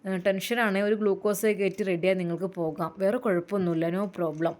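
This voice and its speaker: Brisk reassuring nurse, as a woman narrates. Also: mid-range voice, steady tone, a little mellow, voice pushed down, close to an everyday voice.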